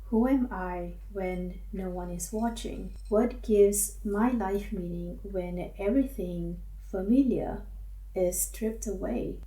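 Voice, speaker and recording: Slow, mellow woman reflecting. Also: medium pitch. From Singapore. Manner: gentle, measured, introspective. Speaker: counselor and academic advisor. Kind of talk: reflective personal monologue. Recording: roomy echo, mic at a distance.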